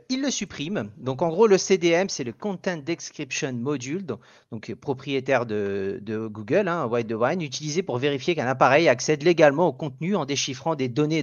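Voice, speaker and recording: A man's voice: mid-range voice, animated, moderate pace, no room sound, muffled recording. A man hosting a casual tech podcast, explaining news with many fillers and restarts. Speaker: podcast host.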